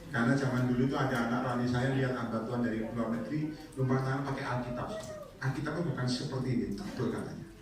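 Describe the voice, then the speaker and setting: A man's voice: mid-range voice, very fast, a crowd in the background. Man preaching in an echoey church hall. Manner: animated, shouting peaks, acts out scenes. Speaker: evangelist preacher. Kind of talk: lively church sermon. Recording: echoey hall, distant mic.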